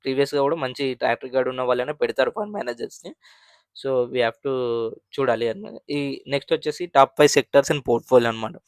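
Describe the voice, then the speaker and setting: Man, finance host, clear smooth voice, dry close recording, chatty explanation with restarts. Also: mid-range voice, a little fast, dry recording. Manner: conversational, many fillers and restarts, mixes English terms. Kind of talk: explaining mutual fund data.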